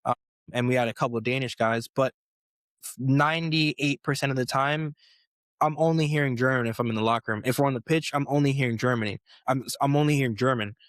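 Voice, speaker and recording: This medium-pitched, fast-talking young man is an American professional footballer chatting casually as a podcast guest. He wanders through his answers, restarting often and leaning on fillers, and the recording has no echo.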